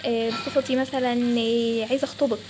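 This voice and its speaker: Over a noisy background, a woman with an Egyptian Arabic accent voices a nosy, pushy young man, the manager's son, who keeps pestering a coworker in a toy role-play story. She speaks fast and fairly high in a level tone, slightly below her own natural pitch and close to an everyday voice, sounding pleading and persistent.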